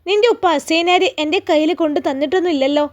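A woman voicing a stingy, sharp-tongued older mother-in-law, speaking in a Malappuram accent with a mocking, scolding manner. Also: very high voice, fast. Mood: scornful. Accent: Malappuram Malayalam.

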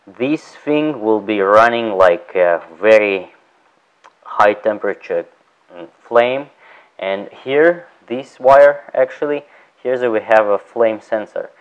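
Slow, halting male furnace instructor. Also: lowish voice, clear, resonant tone, dull audio. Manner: halting, searches for words, frequent restarts. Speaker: HVAC technician instructor. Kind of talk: hands-on technical demonstration. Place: indoor training room beside an open furnace. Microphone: headset mic.

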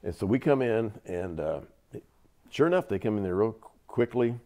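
A man's voice: on the low side, animated, normal speed, dark tone. A man in his seventies from Georgia with a Southern accent, vividly recounting stories in an interview, repeating words for emphasis. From Georgia, USA. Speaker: interview guest, veteran. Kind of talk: storytelling interview.

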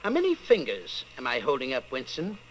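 An actor playing a coldly patient, menacing party inquisitor in old-time radio style, measured, condescending and commanding. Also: male voice, medium pitch, wildly swooping pitch, a bit bright, slight background noise, poor audio. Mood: cold insistence.

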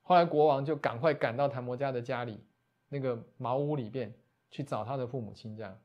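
A man, a Buddhist monastic teacher retelling a scripture story as a lecture, often closing phrases with soft tags. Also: mid-range voice, fairly quick, dull audio.

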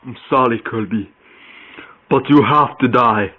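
A man voicing a vengeful masked knight in a home-made plush video, with a flat, joking delivery. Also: mid-range voice, measured pace, lo-fi sound, natural voice. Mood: mock-grave. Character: vengeful masked male knight, rival turned friend.

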